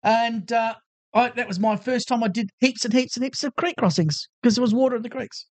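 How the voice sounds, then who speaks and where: A man's voice: extremely high pitch, a little fast. A man in his late sixties with a broad Australian accent, chatting casually and telling anecdotes in a blokey, joking, slangy way. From Australia, Adelaide. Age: late 60s. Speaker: featured guest on a talk show.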